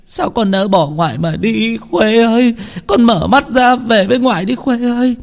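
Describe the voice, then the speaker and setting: A man voicing an old grandmother who wails and laments over her dead grandchild in a high, keening, sobbing voice. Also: moderate pace, vocal fry. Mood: grief-stricken wailing.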